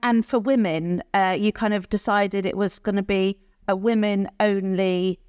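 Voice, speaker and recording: A woman's voice: medium pitch, steady tone, unhurried, darkish tone, clean tone, dry recording, studio quality. A woman hosting an interview, openly impressed and apologising for interrupting her guests.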